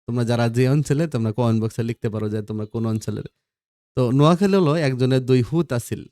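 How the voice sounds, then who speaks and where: A man with a medium-pitched, warm voice talks fast in a clean studio recording with no echo. He is teaching a school grammar lesson for a recorded video, repeating key points and posing questions to the class that he then answers himself.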